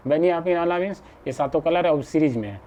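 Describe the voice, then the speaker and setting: A man teaching an exam-prep class, explaining slowly, repeating points and checking with the listener. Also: a little high, dark tone.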